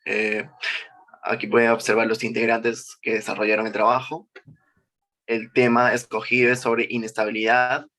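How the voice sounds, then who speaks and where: A man's voice: mid-range voice, monotone, normal speed, sharp tone. A 21-year-old man giving a class presentation, walking through slides with frequent "eh" and "este" fillers. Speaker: student presenter.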